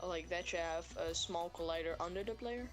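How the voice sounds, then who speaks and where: With music in the background, a woman who is a game developer and guest collaborator talks in a casual chat. She speaks briskly in a lowish voice, using very informal language sprinkled with words like "like."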